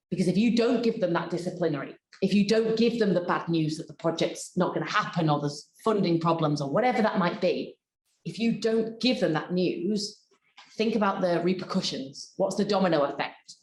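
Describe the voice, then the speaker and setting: Roomy-sounding woman coaching on delivery. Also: fairly low pitch. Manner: expressive, deliberate, coaching tone. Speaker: personal development coach. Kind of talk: workshop presentation. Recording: roomy echo.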